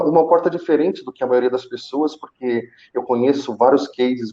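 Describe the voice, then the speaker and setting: In a live interview, a call center senior manager from Brazil shares his own story in Portuguese, conversational yet halting, full of repeated words and pauses. He has a medium-pitched voice with a dark tone, captured in dull audio.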